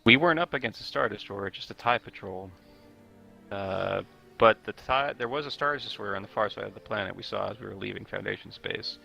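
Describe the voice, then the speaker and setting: A man's voice: fairly low pitch, brisk, vocal fry, bright, forceful tone, faint music behind. A man playing his character in a tabletop game, talking laid-back in first person. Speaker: player. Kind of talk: tabletop role-play.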